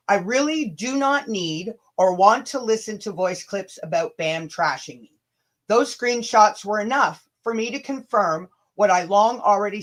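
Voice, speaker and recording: A Canadian woman hosts a livestream, her mid-range voice a bit bright. She chats casually and reads emails aloud dramatically, with a blunt, sweary, sarcastic delivery.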